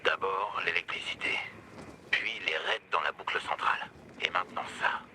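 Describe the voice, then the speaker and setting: An actor playing a gruff, weary, protective older resistance ally in a French video game dub, with a low gravelly voice. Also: male voice, steady tone, normal speed, background noise, lightly acted. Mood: grave, wary.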